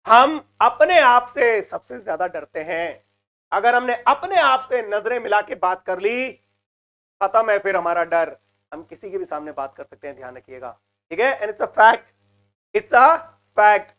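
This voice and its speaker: A man's voice: high voice, animated, unhurried, fairly bright tone. A man teaching a live online class, coaching students with repeated points and switching between Hindi and English.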